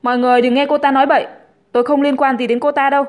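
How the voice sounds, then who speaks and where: A woman's voice: high-pitched, little pitch movement, very fast, voice pushed up, close to an everyday voice. A woman voicing a cold, blunt young man. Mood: insistent. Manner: curt, scornful.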